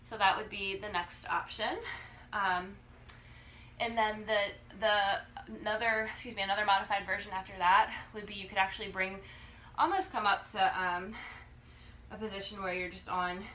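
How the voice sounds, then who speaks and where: A woman in her thirties talks through an exercise demonstration in a bright, forceful voice at a medium pitch. Her delivery is casual and a little halting, with frequent check-ins as she instructs. It is a home video recorded a few feet from the mic, with faint background noise. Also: level tone, poor audio. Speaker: fitness coach demonstrating exercises. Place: living room, indoors. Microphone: phone or camera a few feet away.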